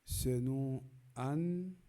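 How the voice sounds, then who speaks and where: Slow, dark-voiced Haitian priest. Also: male voice, medium pitch. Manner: measured, rising to loud proclaiming calls. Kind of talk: gospel reading and funeral homily. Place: church during a requiem mass.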